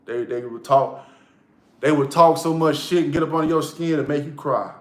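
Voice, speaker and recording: A man's voice: a little high, normal speed, fairly bright tone. A man giving a casual motivational monologue, blunt and profane, repeating key lines for emphasis. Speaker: motivational vlogger. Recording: echoey room.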